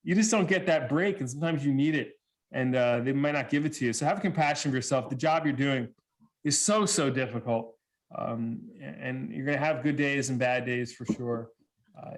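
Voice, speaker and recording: A man giving a talk, telling stories with quoted dialogue and frequent laughter. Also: medium pitch. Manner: animated storyteller, acts out quotes, laughs often. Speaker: speaker. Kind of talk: storytelling presentation.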